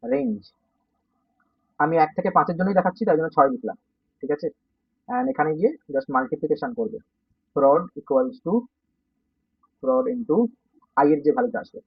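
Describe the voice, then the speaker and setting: A man teaching a coding lesson in a Bengali accent, speaking softly because of a sore throat and often checking that students follow. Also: a little high, no room sound. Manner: informal, checks understanding often. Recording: dull, dry, slightly distant.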